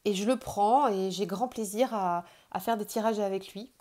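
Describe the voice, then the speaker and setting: A woman's voice: mid-range voice, normal speed, darkish tone. A woman with a French accent casually showing her tarot decks, chatty and hesitant, with many fillers and restarts. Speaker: tarot video host.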